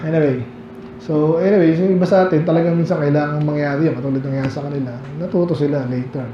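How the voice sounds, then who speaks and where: A man's voice: a little high, reverberant, lo-fi sound, slight background noise. A male pastor with a Filipino accent, preaching a Bible study in a chatty way, asking his listeners questions and reading old scripture verses aloud. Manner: conversational preaching with rhetorical questions, reads King James verses aloud. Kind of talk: Baptist sermon, Bible study. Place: church hall.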